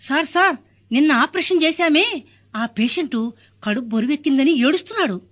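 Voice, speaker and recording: A woman's voice: sits high, animated, fairly quick, muffled recording. A woman playing a careless young nurse in a stage comedy, answering back cheekily. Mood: reporting.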